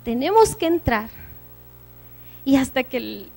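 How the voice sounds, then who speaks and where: A woman's voice: sits high, big pitch swings, a little slow, vocal fry, a little mellow, soft background music. A woman giving a church sermon, preaching earnestly and conversationally with personal stories.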